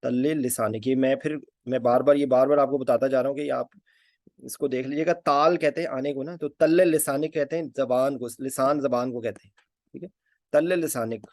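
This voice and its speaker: A male teacher talks through a casual lesson, stopping often to hesitate and repeat words. His voice has a gravelly fry to it. The recording is dry and close, and his voice drops off now and then as he turns away to write. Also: medium pitch, fairly even intonation, fairly quick, darkish tone, no echo. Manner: hesitant, many fillers, repeats key words. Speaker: anesthesia teacher. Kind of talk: informal spoken lesson.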